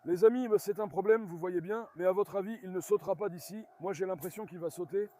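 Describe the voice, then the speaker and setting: A man filming a casual vlog at his farm, coaxing and calming his dogs while chatting to viewers. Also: high-pitched, fast. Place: farmyard outdoors.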